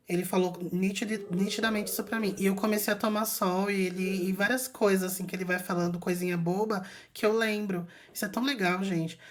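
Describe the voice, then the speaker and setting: A woman from Brazil tells a personal spiritual story in a relaxed vlog. She is chatty and lively, with a mid-range voice. She breaks off to restart sentences and speaks straight to her viewers. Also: medium pitch. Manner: chatty, animated, acts out quoted voices; frequent fillers and restarts, addresses viewers directly. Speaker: spiritual content creator.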